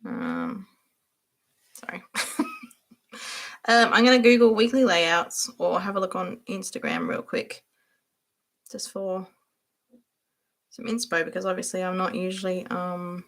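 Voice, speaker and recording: A young woman hosts a relaxed livestream, chatting as she goes and giggling often. Her voice has a touch of gravelly fry, and she answers viewers by name in a friendly, rambling way. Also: on the low side, a little slow, pauses often. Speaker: livestream host. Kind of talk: casual livestream chat while journaling.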